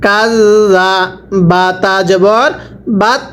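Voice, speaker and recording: Man, Quran reading teacher, very slow call-and-repeat drilling, spells letters then drawls the word. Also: high voice, fairly bright tone, rough recording. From Bangladesh.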